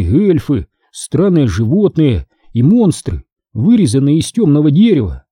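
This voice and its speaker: Dark, husky male storyteller. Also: medium pitch, no echo, studio quality. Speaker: narrator. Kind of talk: audiobook narration.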